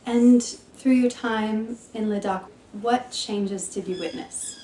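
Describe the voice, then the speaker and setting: Podcast host, woman, brief slow questions, roomy distant sound, slightly higher voice. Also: steady tone, dark tone, slight background noise. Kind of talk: interview questions.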